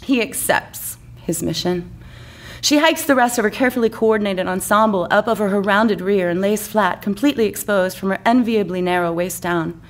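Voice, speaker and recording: A woman of medium pitch and normal speed narrates a comic story she wrote herself. Her style is florid and mock-seriously romantic, a scripted mock-romance read at a live comedy story night.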